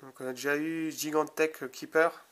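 A young man from France casually commenting while opening a box of trading cards, reading card names slowly with small asides. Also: fairly high pitch, steady tone, fairly bright tone. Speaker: card-opening video host.

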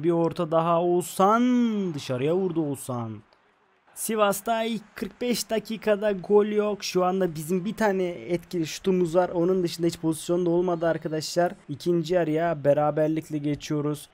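A young man commentating on his football video game, recorded at home late at night and keeping his voice down. He is excitable, swinging from yelling at plays to glum muttering. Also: fairly high pitch. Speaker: gaming YouTuber.

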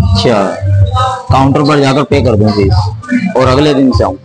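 A man's voice: mid-range voice, normal speed, over loud music, poor audio. A young man hosting a prank video, talking in a pushy, insistent, casual way in a large indoor gym. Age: young adult. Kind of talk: hidden-camera prank banter.

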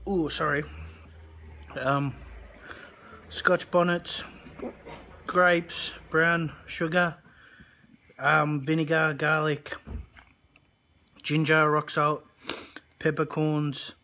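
Bright-voiced young man reviewing hot sauce. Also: a little high, flat delivery, very slow, pauses often. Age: 20s. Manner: chatty, upbeat, loose and unscripted. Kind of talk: casual review vlog.

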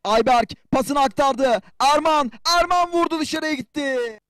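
A man commentating on a football match in short clipped phrases, screaming excitedly as shots and goals come. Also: extremely high pitch, a little slow, no echo, clean studio sound. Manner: short clipped phrases, calling players by first name.

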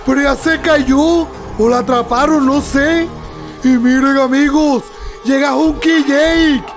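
High-voiced excitable young man gaming. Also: slow pace, soft background music. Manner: excitable, laughs often, yelps and exclaims at scares. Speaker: gaming YouTuber. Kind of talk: excitable let's-play commentary.

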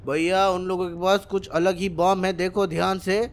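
A young man commentating gameplay excitedly, full of loud exclamations. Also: high voice, moderate pace. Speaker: gaming channel host.

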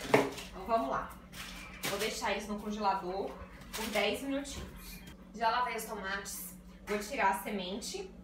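A woman's voice: medium pitch, normal speed, pauses often, noisy background. Woman, young adult, cooking vlog, chatty step-by-step talk, small echoey kitchen, distant phone mic, background music. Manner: chatty, explains each step to viewers. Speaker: cooking vlogger. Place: small tiled home kitchen. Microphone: phone on a tripod.

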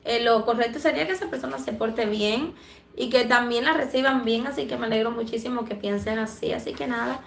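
Cuban woman livestream host, higher voice, affectionate chatter, echoey room, allergy throat-clearing. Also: fairly quick. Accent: Cuban Spanish. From Cuba. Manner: chatty and affectionate, many fillers. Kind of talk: casual livestream chat reading comments.

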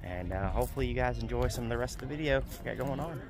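A man's voice: mid-range voice, rapid-fire, over music. A man in his thirties chatting casually to his phone camera outdoors on a farm, upbeat and rambling with plenty of fillers. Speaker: vlogger. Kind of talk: casual vlog chat. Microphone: phone camera at arm's length.

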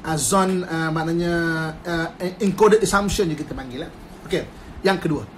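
On a phone live stream, an Islamic religious teacher with a Malaysian Malay accent gives an informal talk, slipping in English terms, laughing often, and acting out what husbands and wives say. His voice is a little high and moderately paced, with slight background noise.

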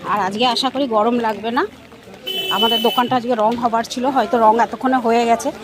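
A woman's voice: a little high, fairly even intonation, fast talker, noisy background. A woman vlogger from India chatting casually to her viewers while walking wet streets and visiting a shop. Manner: chatty, addresses viewers as friends. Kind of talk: casual vlog narration.

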